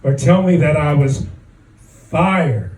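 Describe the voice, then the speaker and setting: Slow, halting male open-mic poet, roomy sound. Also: on the high side, a little mellow. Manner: deliberate, halting delivery with drawn-out pauses. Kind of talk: dramatic spoken-word storytelling reading. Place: echoing room at an open mic event. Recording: roomy, distant mic, faint background noise.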